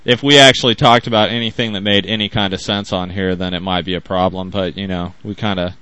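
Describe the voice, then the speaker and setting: A man with a fairly low voice that still sounds bright and forceful. The sound is dry and close to the mic. He rambles cheerfully and laughs often as a podcast guest. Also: steady tone, fast, no echo, low-quality recording. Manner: laughs easily, rambling banter. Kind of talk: casual chat over a video call.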